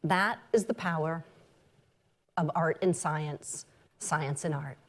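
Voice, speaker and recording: A woman marketing executive giving a conference talk, measured and sprinkled with ums and uhs. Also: sits low.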